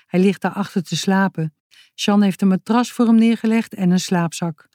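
A woman voicing an excitable young girl in a children's storybook, talking eagerly and quickly. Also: medium pitch, no room sound, studio quality, natural voice.

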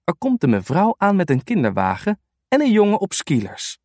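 A man reading a children's storybook aloud in an animated, unhurried way. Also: high-pitched, dry recording, studio quality.

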